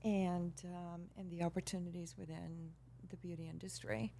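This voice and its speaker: A middle-aged woman from Peru, a guest telling her story in a measured, hesitant way with many pauses and restarts. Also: fairly low pitch, little pitch movement, vocal fry, dark tone, slight background noise. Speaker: guest, brand founder. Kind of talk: casual interview talk.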